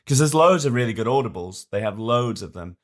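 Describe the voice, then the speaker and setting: A man's voice: medium pitch, lively intonation, brisk. A man co-hosting a podcast in casual, jokey, rambling chat. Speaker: podcast co-host.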